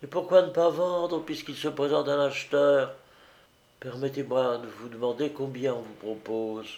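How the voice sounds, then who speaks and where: A man's voice: mid-range voice, steady tone, normal speed, darkish tone, pitched above the performer's own voice, natural voice. A man reading aloud, voicing a sly, persuasive woman housekeeper who coaxes her mistress. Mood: wheedling. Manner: wheedling, persuasive.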